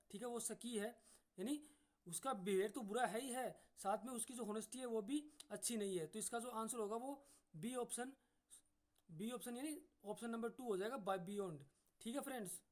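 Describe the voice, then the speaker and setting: A man teaching an exam-prep English lesson who explains patiently, often says "ठीक है", and restarts words mid-way. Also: very high-pitched. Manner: reads English sentences out very slowly.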